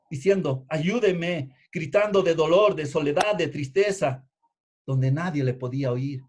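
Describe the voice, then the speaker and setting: A man preaching a sermon, emphatic, repeating key phrases and swinging between loud and hushed delivery. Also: on the high side, husky. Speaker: pastor.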